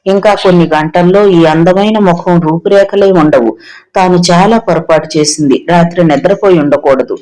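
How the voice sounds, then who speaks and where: A man with a notably high voice narrates a novel in an audiobook reading. His delivery is steady and even, keeping to a calm storybook pace. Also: normal speed, rough recording.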